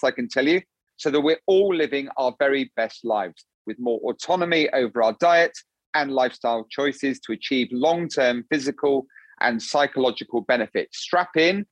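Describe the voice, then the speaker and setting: A man hosting an interview podcast, courteous and effusive, with deliberate, presenter-like phrasing. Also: medium pitch, breathy edge, no room sound, rough recording. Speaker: podcast host. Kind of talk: scripted introduction and interview hosting.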